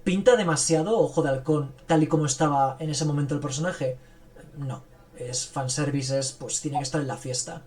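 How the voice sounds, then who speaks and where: A man hosting a podcast discusses films in a loose, enthusiastic way, peppering his rambling talk with fillers. His voice is on the high side and darkish in tone, at a moderate pace.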